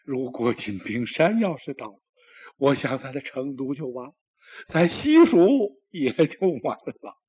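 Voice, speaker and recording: A man's voice: medium pitch, big pitch swings, measured pace, a little mellow, slightly rough. A man voicing a fretful young emperor in a storytelling performance, speaking in an anxious, pleading way.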